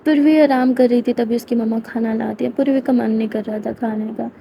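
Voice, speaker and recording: Gravelly woman storyteller. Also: a little high, steady tone, brisk, lo-fi sound, a little hiss or hum. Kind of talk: storybook narration.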